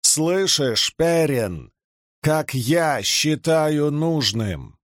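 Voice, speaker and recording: An enraged, imperious young ruler from a fantasy audiobook, as a male reader acts him out. He pushes up into a higher, drawn-out delivery, and the recording is close and dry. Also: expressive, no room sound. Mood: shouting. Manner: shouting, imperious. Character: young man furious, proud, commanding.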